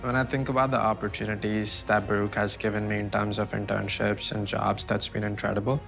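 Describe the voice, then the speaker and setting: A young man from India speaks in a low, very flat voice with a gravelly edge. He sounds quiet and earnest, with faint music behind him. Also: brisk. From Mumbai, India. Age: young adult. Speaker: student in a college video. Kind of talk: interview testimonial.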